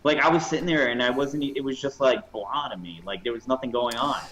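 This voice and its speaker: A man's voice: mid-range voice, a little fast, a bit bright, rough recording. A man co-hosting a casual podcast, reading news aloud and often tripping over his words. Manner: stumbling, self-correcting reader. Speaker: co-host.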